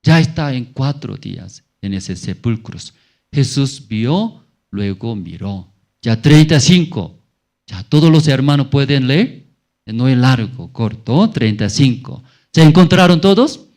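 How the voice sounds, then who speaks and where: A pastor preaches a Sunday sermon in church with call-and-response, putting many questions to the congregation. He is a man with a medium-pitched voice who speaks slowly and in a lively way.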